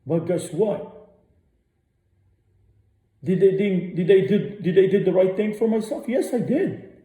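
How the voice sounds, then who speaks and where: A man rants on a radio show, blunt and profane, and he hammers his points again and again. His voice is very dark and sits a little high. The room around him sounds echoey. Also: animated, measured pace. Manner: blunt, profane, repeats himself. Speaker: radio host. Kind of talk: ranting monologue.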